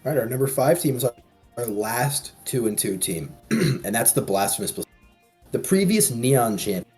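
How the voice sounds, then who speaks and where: A man's voice: mid-range voice, animated, normal speed, a little mellow, faint music behind. A man co-hosting a casual commentary show, rambling with frequent restarts. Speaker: co-host.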